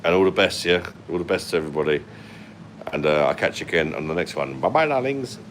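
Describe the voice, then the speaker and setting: A man in his thirties with a London accent hosts a casual livestream at night from a hotel room, phone held at arm's length, reading out comments bluntly with plenty of swearing and laughter. His deep voice is fast, with lively intonation. There's a little hiss or hum in the recording.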